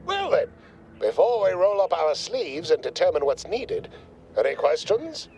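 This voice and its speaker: A man's voice: sits high, huge pitch swings, a little slow, a little mellow, slight background noise, heavily acted, rough recording. An actor playing a pompous male corporate scientist in a video game, speaking in verbose, condescending corporate jargon. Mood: smug.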